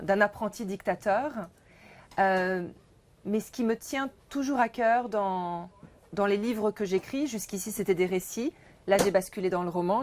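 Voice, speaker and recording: A middle-aged woman from France, an author and journalist, talking about her book in a reflective, measured way at a bookshop event. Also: mid-range voice, a little mellow, slight background noise.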